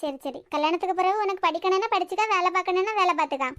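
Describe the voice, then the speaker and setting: Cartoon voice artist: woman, Kanyakumari Tamil accent, very high, quick, heartfelt delivery. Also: a bit bright, dry recording, clean studio sound. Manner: emotional, heartfelt dialogue. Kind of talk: cartoon serial voicing.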